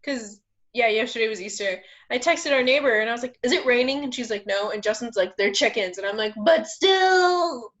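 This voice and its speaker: A young woman co-hosting a homemade podcast, chatting and telling stories in a blunt, joking way. Her voice sits a little high for a woman, though she calls it deep. The recording is muffled and lo-fi. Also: fast, fairly bright tone. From Florida. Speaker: podcast co-host. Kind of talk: casual chat.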